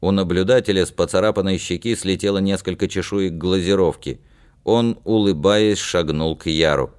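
A man reading a science fiction story aloud in a steady, measured narrating voice. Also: low-pitched, smooth. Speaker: audiobook narrator. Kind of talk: scripted narration.

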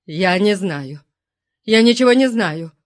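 A woman's voice: on the low side, takes it slowly. Woman voicing a cowering male steward. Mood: panicked. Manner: sullen, then pleading and hysterical. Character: frightened cringing middle-aged male steward. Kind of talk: audiobook reading.

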